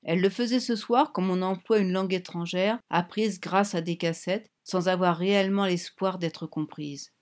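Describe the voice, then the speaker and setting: A woman reading a novel aloud in measured, vivid scripted narration. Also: on the low side, fairly even intonation. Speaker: audiobook narrator.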